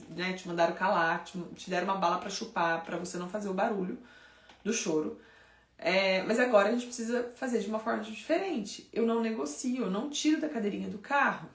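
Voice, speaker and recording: A woman's voice: medium pitch, echoey room, recorded from a distance. A woman sleep consultant giving direct, emphatic advice to parents in a conversational way.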